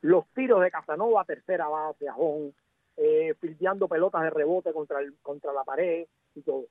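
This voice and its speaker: A Cuban man guest-commentates on sports casually, speaking emphatically and repeating words in a fairly high voice at a moderate pace. His voice carries no room sound, but it comes over a narrow, radio- or phone-like connection.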